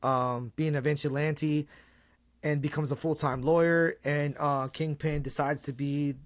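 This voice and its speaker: A man co-hosting a casual fan podcast, talking fast and excited in slang, often restarting his sentences. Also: a little high, no room sound. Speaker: podcast co-host.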